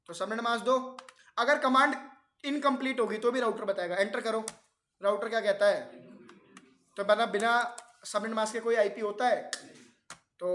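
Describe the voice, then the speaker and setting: A man teaches a networking class, explaining step by step and often quizzing his students. His high voice is a bit bright, and the recording sounds roomy.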